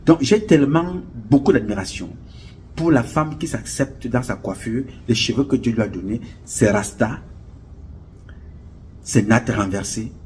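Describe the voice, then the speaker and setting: A man's voice: medium pitch, a little mellow, slightly rough. A man with a Cameroonian French accent giving an impassioned, preachy monologue, rambling and repeating himself. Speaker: online commentator. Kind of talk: casual monologue commentary.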